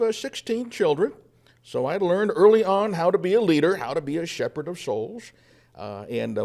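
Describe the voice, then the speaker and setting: Man doing a folksy 1800s Norwegian pastor, gravelly, lively pitch, humble. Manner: folksy storytelling with frequent uh fillers and chuckles. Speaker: guest, historical reenactor. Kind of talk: first-person historical character portrayal.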